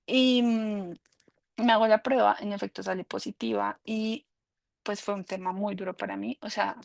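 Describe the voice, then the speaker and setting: Woman, thirties, faith testimony, halting speech, gravelly, dry close sound. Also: medium pitch, fairly even intonation, dry recording. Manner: halting, many restarts and fillers, earnest and confessional. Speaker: guest giving testimony.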